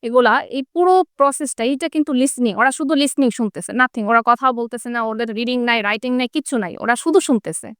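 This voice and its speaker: Brief: woman teacher, fairly high smooth voice, dry close sound, explanatory, rhetorical questions. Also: fast, few pauses, a bit bright, dry recording. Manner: asks rhetorical questions, checks in with tag questions. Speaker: English teacher. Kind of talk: explanatory interview talk.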